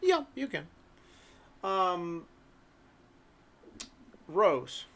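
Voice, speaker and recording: A man running a tabletop horror game as game master, relaxed and hesitant, often clearing his throat and saying um. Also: high voice, extremely slow.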